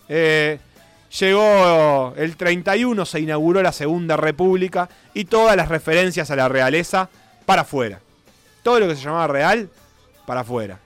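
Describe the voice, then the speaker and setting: A man's voice: fairly high pitch, dry recording. A man telling football history as a casual co-host, reading quotes aloud with flair. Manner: animated, reads quotes aloud with dramatic flair. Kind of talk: casual radio-style storytelling.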